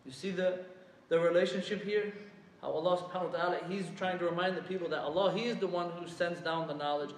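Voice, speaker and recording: A man teaching a religious lesson to a class, quizzing his students often and reciting Arabic verses quickly. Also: high voice. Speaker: Islamic teacher. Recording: echoey hall from far off.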